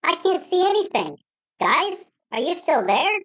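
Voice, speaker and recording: A man voicing a small, nervous male tarantula in a storybook, with a high, breathy, hushed voice and an anxious, worried way of talking. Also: big pitch swings, exaggerated voice. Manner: anxious, quick to worry. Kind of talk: storybook voice acting.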